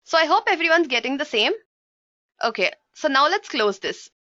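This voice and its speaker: A woman's voice: high-pitched, big pitch swings, normal speed, sharp tone, no room sound, highs cut off. A woman instructor giving a live coding tutorial, explaining each step and often calling her listeners guys, heard through livestream headset audio. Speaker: programming instructor.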